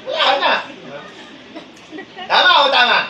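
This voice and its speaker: A man's voice: very high voice, huge pitch swings, measured pace, over a noisy crowd, heavy background noise. A man leading a live training seminar, teasing and quizzing his audience in call-and-response. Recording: echoey hall, distant mic, audience murmur.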